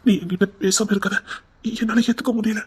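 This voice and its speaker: A husky, breathy voice voices a remorseful husband in an audio drama, as an actor plays him. He has a Tirunelveli Tamil accent and pleads and apologizes with deep feeling. His pitch sits in a middle range. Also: fairly even intonation, a little fast, darkish tone. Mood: pleading. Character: remorseful short-tempered husband.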